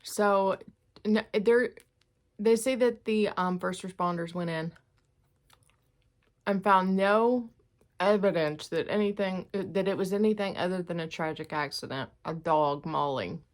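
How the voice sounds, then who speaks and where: A middle-aged woman with a lowish, unhurried voice chats casually to the camera in a mukbang video, commenting on a news story. She chews noisily and often talks with her mouth full.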